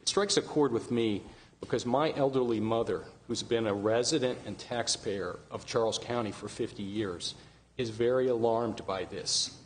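A middle-aged man giving earnest public testimony at a county meeting, halting with fillers and restarts, speaking into a desk microphone. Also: medium pitch, a little hiss or hum.

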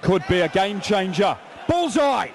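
A man commentates on darts live in a very high, swooping voice. He shouts and builds to climaxes. Arena crowd noise sits clearly behind him. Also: very animated, unhurried.

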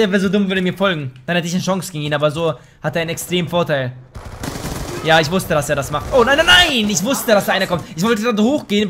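This is a young man doing casual commentary over a shooter game. His voice is notably high for a man. He trash-talks and swears freely, and he breaks into excitable outbursts, with faint noise behind him. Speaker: let's play host.

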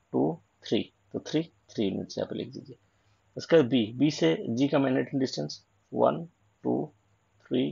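A man's voice: mid-range voice, creaky, darkish tone, breathy edge. A man with an Indian accent working through an assignment as an online tutor, mixing English and Hindi and explaining step by step. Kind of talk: assignment walkthrough lecture. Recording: dull lo-fi recording.

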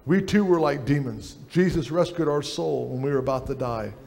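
A man's voice: fairly high pitch, normal speed, creaky, a little mellow. A middle-aged man preaching a sermon on a church stage, reading aloud from a book at a lectern.

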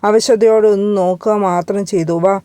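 A woman narrating a romance story in a steady, measured storytelling manner. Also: medium pitch, no room sound. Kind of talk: scripted narration.

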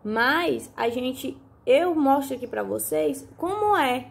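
A woman's voice: sits high, animated, takes it slowly, creaky, slightly rough. A woman, chatting casually to her viewers on a phone video, often checking in with them and repeating herself. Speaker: vlogger. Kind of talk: casual vlog talk to viewers. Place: countryside home.

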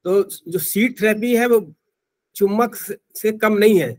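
A man's voice: sits high, a little slow. A man teaching acupressure in an online class, explaining informally with frequent restarts and fillers.

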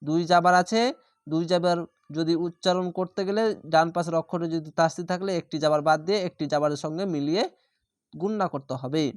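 A man teaching Quran reading, spelling each word letter by letter and vowel by vowel, then reciting the whole word in a slow, drawn-out way. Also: a little high, fairly even intonation, clear, resonant tone, no echo, clean studio sound.

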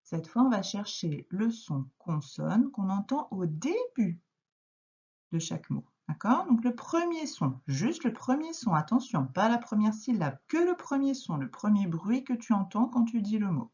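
A woman teacher with a French accent, gently guiding a young child through a phonics lesson, encouraging and repeating words slowly. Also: mid-range voice, very animated, dull audio. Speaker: primary school teacher.

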